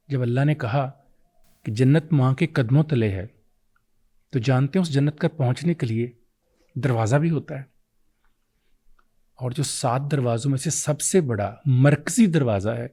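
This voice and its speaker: A male guest speaker with a Pakistani Urdu accent and a warm, slightly rough, medium-pitched voice delivers emotional oratory on fathers. Fervent and impassioned, he preaches by building long runs of rhetorical questions.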